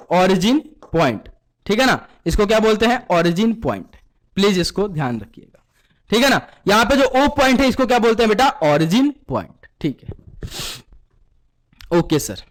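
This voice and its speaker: A man teaching math in Hindi mixed with English terms, asking the same question over and over and answering it himself, calling students "beta". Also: extremely high pitch. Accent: Indian Hindi with English terms. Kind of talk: classroom lesson with call-and-response.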